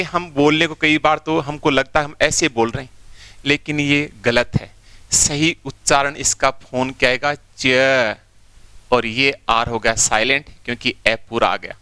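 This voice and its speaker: A male teacher giving an online exam-prep lesson, repeating key points and slowly breaking words into their separate sounds. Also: mid-range voice, bright, forceful tone, clear, resonant tone, dry recording. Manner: slowly spells out sounds one by one.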